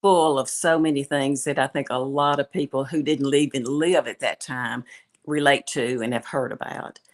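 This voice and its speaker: An older woman with a Southern accent chats as a novelist guest on a video call, telling her stories in a relaxed way. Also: a bass voice, moderate pace. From West Tennessee. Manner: chatty storyteller. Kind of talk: casual chat.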